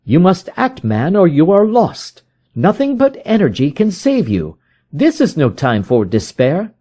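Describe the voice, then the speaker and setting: A man acting out an urgent, high-pitched commanding detective. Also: wildly swooping pitch, a little slow, mellow, heavily acted. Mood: impassioned, exasperated. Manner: emphatic, formal Victorian diction. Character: commanding male detective, urgent, impatient, decisive. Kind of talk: audiobook character voice in a detective story.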